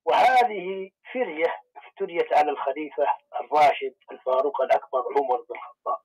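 A man, a sheikh calling in, arguing his religious position in measured, formal speech. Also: a little high, animated, darkish tone, breathy edge, highs cut off. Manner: measured, formal classical phrasing. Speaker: caller, sheikh.

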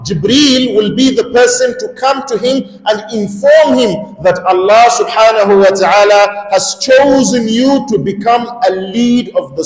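A middle-aged man from Nigeria giving an interactive Islamic lecture in a mosque, putting questions to the audience and speaking at a stand microphone. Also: sits high. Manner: interactive, questions the audience, emphatic rising calls. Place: large mosque hall, indoors. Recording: echoey mosque hall reverb.

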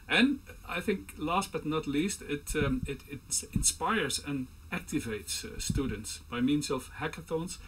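A man's voice: a little high, a bit bright, slightly rough. A man in his fifties giving a recorded slide presentation as a university lecturer, talking hesitantly with many fillers and restarts, on a headset mic indoors. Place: indoor room.

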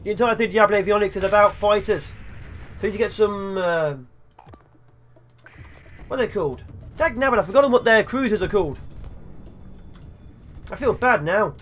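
High voiced young guy doing let's play commentary, rambles and jokes to himself, home mic. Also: normal speed, pauses often, fairly bright tone. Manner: chatty, jokey, talks to himself while playing. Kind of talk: gameplay commentary.

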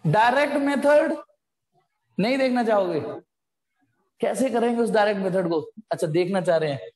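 A man's voice: high-pitched, normal speed, a little mellow. A man teaching a live online physics class in speech, chatty, calling students "beta" and throwing in slangy asides. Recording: echoey room with long reverb.

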